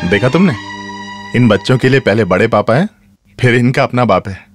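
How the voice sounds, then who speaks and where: A man's voice: mid-range voice, moderate pace, close to an everyday voice. A man dubbing a film role as a man leaving home to work abroad again, teasing and emotional by turns, with music behind. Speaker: dubbing actor.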